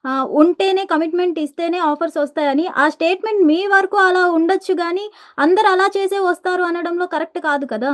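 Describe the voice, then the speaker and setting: A woman's voice: extremely high pitch, fairly quick. A woman interviewer asking probing, challenging questions.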